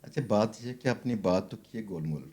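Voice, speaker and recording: A man's voice: lowish voice, animated, dark tone. A man hosting a podcast, asking questions and teasing his guest in casual talk. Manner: probing, teasing. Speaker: podcast host.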